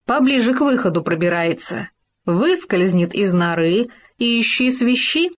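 A woman's voice: mid-range voice, animated, measured pace. A woman doing a bossy scheming hamster. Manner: bossy, indignant and sly. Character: scheming boastful male hamster, quick to grumble.

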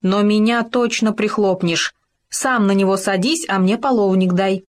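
A woman's voice: mid-range voice, unhurried, close to an everyday voice. A woman voicing a cautious, dignified male gopher in a children's story, speaking earnestly and proudly.

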